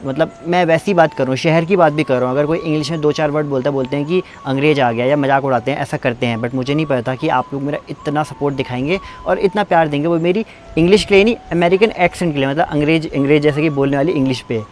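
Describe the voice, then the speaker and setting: A man's voice: fairly high pitch, fast, darkish tone, slight background noise. A young man from Uttarakhand talks casually to his viewers in a travel vlog, chatty and sometimes tripping over his words. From Uttarakhand, India. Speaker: vlogger. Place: outdoors in a mountain valley.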